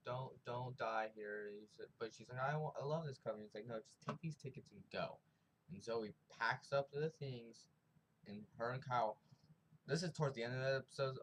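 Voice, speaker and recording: On a low-quality recording with a little hiss or hum, a young man of medium pitch rambles through a casual TV episode recap and review. He talks in slang and performs the characters' lines himself.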